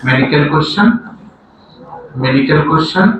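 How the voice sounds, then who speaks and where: A man's voice: fairly high pitch, normal speed. A man teaching a biology class, often asking his students to repeat answers back to him. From Bangladesh. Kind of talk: classroom lecture. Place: large classroom. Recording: echoey room from far off, noisy.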